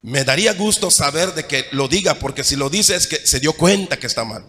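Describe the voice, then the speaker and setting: A Mexican man preaches from the pulpit in a high, bright register. He keeps checking in with the congregation and alternates emphatic, near-shouted points with quieter asides. His voice rings out with a long tail of echo through the church hall. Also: expressive, a little fast. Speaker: pastor. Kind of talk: sermon.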